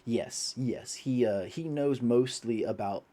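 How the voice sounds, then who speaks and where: A man's voice: medium pitch, takes it slowly, mellow. A young man narrating as game master, rambling with many fillers.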